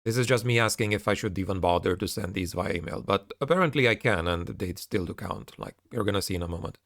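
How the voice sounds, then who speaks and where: A man's voice: sits low, quick pace, vocal fry, a bit bright, no room sound, studio quality. A man giving a casual video update, reading out messages and commenting on them, often repeating and restarting his phrases.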